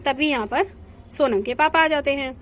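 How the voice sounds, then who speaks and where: A woman narrating a village doll story plainly, explaining who comes in and what happens. Her voice is high but drops a little for the narration. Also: normal speed, fairly bright tone, slight background noise.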